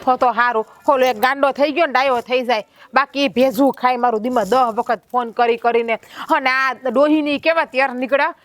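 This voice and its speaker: A woman playing a sharp-tongued village wife who taunts her husband in a family drama. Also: high voice, fairly even intonation, a little fast, no echo, close to an everyday voice. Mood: taunting.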